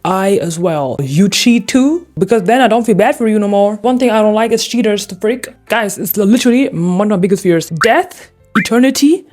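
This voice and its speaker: A woman's voice: medium pitch, brisk, hardly any pauses, darkish tone, soft background music. A young woman reading manga aloud and commenting, exasperated and swearing, slipping into voices for the characters. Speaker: commentary host.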